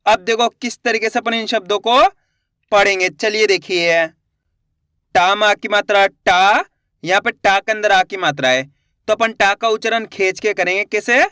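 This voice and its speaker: Guy teaching reading, high bright voice, draws out each syllable, dry close sound. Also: smooth, dry recording. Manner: slow drawn-out syllables, asks learners to repeat. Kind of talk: spoken lesson.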